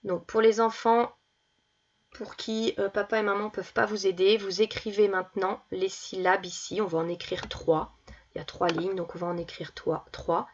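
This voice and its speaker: A woman teaching young children, reading words slowly and clearly and stressing each one as she goes through worksheet exercises. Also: mid-range voice, little pitch movement, muffled recording. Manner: slow, deliberate, stresses each word. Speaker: primary school teacher.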